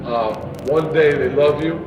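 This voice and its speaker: A man's voice: fairly high pitch, unhurried, muffled recording. A man in his twenties, a band member, rambling in a casual interview. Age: 20s. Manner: rambling, restarts often. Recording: echoey hall with loud noise, mic far off.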